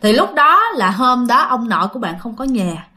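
A woman tells a ghost story in a casual, chatty way and keeps turning to her listeners. Her voice is fairly high and bright, and it rises and falls a great deal. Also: big pitch swings, moderate pace. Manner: chatty, addresses listeners directly.

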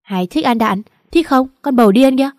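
A woman reading an audiobook story, voicing a rough, hot-tempered market boss who shouts coarse insults. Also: mid-range voice, brisk, dry recording, clean studio sound, close to an everyday voice. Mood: furious.

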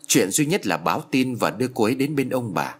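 A man voicing a solemn old male spirit messenger who speaks in a measured, grave way. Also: mid-range voice, big pitch swings, breathy edge.

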